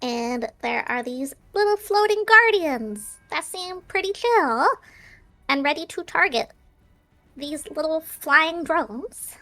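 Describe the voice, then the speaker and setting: A woman playing a tabletop game, playful and relaxed as she describes her character's spells. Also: high voice, slow pace. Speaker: player.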